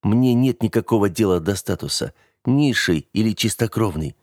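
An earnest, calm young gentleman from an audiobook, as a male reader puts him on. He coaxes gently and sincerely, in a low voice. The sound is dry and close. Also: moderate pace, no echo. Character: earnest young rich man, calm, persuasive.

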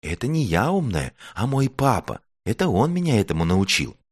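A man's voice: fairly low pitch, big pitch swings, moderate pace, no room sound, studio quality, pitched above the performer's own voice. A man voicing a curious, brave little girl star in a storybook, eager and chirpy. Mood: spirited. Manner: eager, chirpy, sometimes shouting. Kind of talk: storybook reading.

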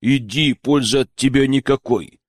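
A man's voice: mid-range voice, normal speed, no room sound, clean studio sound, close to an everyday voice. A man voicing a stern, curt father in an audiobook. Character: stern older father figure.

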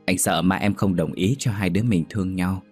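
A man reading a story, voicing a smooth-talking, manipulative young man who coaxes. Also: low voice, steady tone, a little fast, darkish tone, soft background music. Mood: coaxing. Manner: coaxing.

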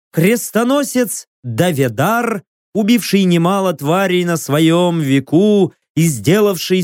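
A woman reading the words of a boastful male crusader chronicler, slow and grandiose. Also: on the low side, darkish tone, no echo, studio quality.

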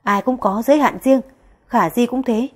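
A woman narrating a story in a steady, even storytelling manner. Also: a little high, normal speed.

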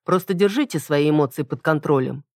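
A woman voicing a calm, respectful young male cat-dragon servant in an audiobook, speaking quietly and patiently. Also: deep voice, fairly quick, no echo, studio quality. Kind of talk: audiobook character voice.

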